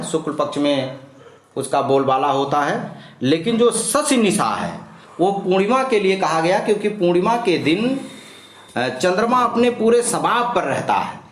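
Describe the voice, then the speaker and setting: A man teaching a poem in a lesson, reciting verses with feeling and then explaining them slowly. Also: fairly high pitch, roomy sound.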